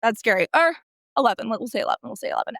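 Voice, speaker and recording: A woman in her early thirties from San Diego, California, with an American accent, is a therapist guest in a casual interview. Her high, somewhat bright voice is expressive, creaky and very fast as she rambles, corrects herself and repeats for emphasis. The studio-quality audio has no room sound.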